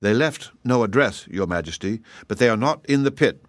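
A man's voice: on the low side, animated, moderate pace, no echo, studio quality, close to an everyday voice. A man voicing a dutiful male gnome executioner who reports bluntly and matter-of-factly. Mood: deadpan. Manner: blunt, positive.

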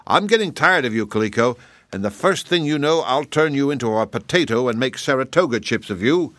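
A man voicing a cruel, quick-tempered male gnome king who roars and snarls his threats. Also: medium pitch, expressive, a bit bright, dry recording, clean studio sound, lightly acted. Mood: menacing.

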